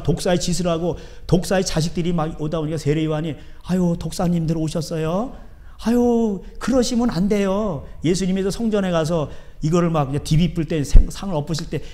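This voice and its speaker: A man, a pastor preaching a sermon in a church, emphatic and swinging from soft asides to shouting. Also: on the high side. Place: church sanctuary.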